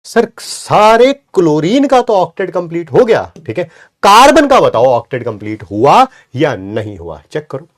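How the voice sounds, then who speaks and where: A man with a fairly high, sing-song voice teaches chemistry in an online class at a moderate pace, encouraging his students and mixing in English words. He counts aloud while pointing at the board, answering his own questions as if he were a student.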